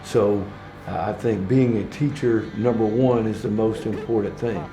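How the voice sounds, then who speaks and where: A man who is an assistant football coach from Alabama, speaking earnestly in interview soundbites, with frequent halting restarts. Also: fairly low pitch, fairly even intonation, roomy sound, over music, rough recording.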